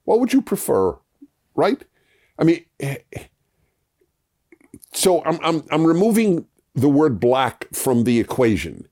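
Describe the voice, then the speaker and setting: Lively, animated man hosting a chat. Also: on the high side, slow pace, pauses often. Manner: digressive, restarts and repeats words; laughs at himself while explaining. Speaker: host. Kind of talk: casual chat with viewers.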